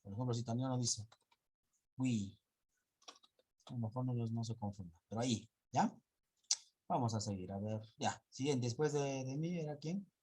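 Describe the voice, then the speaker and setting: A man's voice: medium pitch, fairly quick, warm tone, breathy edge. A male teacher giving a pronunciation class, patiently repeating sounds and checking that students follow. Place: online class in 2021.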